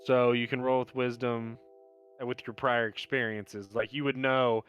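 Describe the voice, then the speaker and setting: A man's voice: medium pitch, flat delivery, normal speed, fairly bright tone, clean tone, highs cut off, faint music behind. A man running a tabletop game as game master, narrating in a casual, rambling way.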